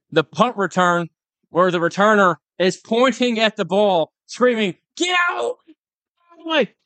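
High-voiced excitable young man on a sports podcast. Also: no echo. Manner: excitable storyteller, acts out quotes and laughs while telling. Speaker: podcast co-host. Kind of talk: casual sports chat.

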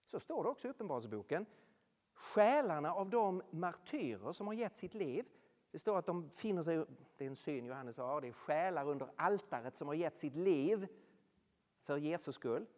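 A preacher giving a sermon, animated, with rhetorical questions and swings between loud and hushed. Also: mid-range voice, big-room sound. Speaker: speaker addressing a Norwegian audience.

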